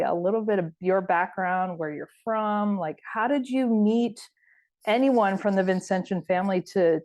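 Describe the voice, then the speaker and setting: A woman with a somewhat low voice hosts a conversational interview. She asks her questions in a friendly, curious, casual manner. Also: a little mellow.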